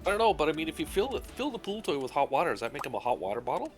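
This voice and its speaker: A man with a low voice rambling casually, like a streamer chatting. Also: sing-song, racing, soft background music.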